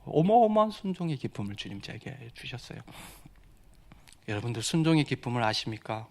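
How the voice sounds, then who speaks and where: A middle-aged man preaching a personal testimony, swinging from quiet murmurs to loud exclamations with frequent laughter. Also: medium pitch, big pitch swings, a little fast, creaky. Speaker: missionary preacher. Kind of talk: sermon testimony.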